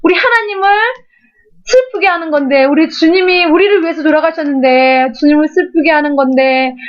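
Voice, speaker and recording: A woman's voice: high-pitched, fairly quick. A woman preacher giving an emotional testimony in a fervent, sometimes tearful voice. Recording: dull lo-fi recording.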